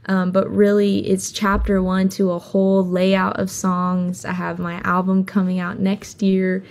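A young woman from Hawaii, a singer being interviewed, talking openly and earnestly in a casual, soft-spoken way. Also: medium pitch, monotone, a little slow. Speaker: singer guest.

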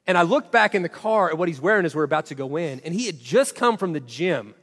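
A high-voiced man in his forties tells a story from the stage, acting out every line of dialogue with self-mocking animation. His voice rings out with a long reverb through a large hall. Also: expressive, fast, a bit bright. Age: 40s. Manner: acts out quoted dialogue expressively, self-mocking.

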